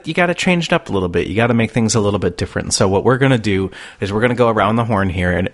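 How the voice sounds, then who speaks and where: A man hosting a casual panel podcast, upbeat and steering the talk, laughing easily. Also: lowish voice. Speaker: podcast host.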